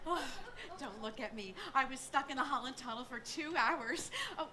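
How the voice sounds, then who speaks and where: An actress playing a nervous, flustered suburban housewife in a stage play. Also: female voice, high-pitched, normal speed, a crowd in the background, close to an everyday voice. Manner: flustered, breathless, fretful. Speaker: actor.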